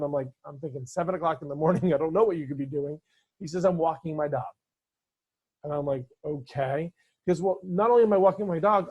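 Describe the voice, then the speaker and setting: A man's voice: a little high, darkish tone, slightly rough, low-quality recording. A man, a business coach, talking earnestly to camera and telling client stories. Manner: earnest storytelling. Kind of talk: motivational talk to camera.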